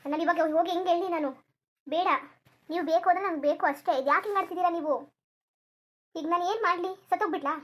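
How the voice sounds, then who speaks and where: A woman's voice: very high voice, fast talker, pauses often. Woman voicing a desperate lovesick young woman. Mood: pleading. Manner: pleading, insistent, repeats herself. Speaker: cartoon character. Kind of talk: Kannada cartoon voice acting.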